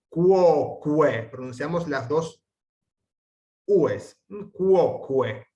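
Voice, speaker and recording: A man teaching an online Latin class, reading the text aloud and spelling out syllables and sounds slowly and carefully. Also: a little high, darkish tone. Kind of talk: recorded online lesson.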